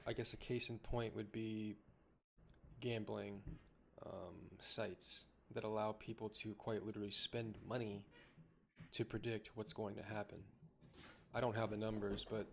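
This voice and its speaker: A man streaming from home, ranting in a rambling, loud way with swearing and restarts. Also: on the low side, flat delivery, measured pace, vocal fry, slight background noise. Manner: says he talks loud. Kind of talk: casual ranting commentary. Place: home room with a cat.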